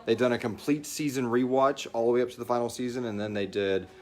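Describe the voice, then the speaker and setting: A man with a mid-range, darkish voice speaks fast and fairly evenly, reading out listener questions in a jokey way. He's a host and podcast creator running a casual live question-and-answer chat. The live recording is roomy and echoey, with background noise.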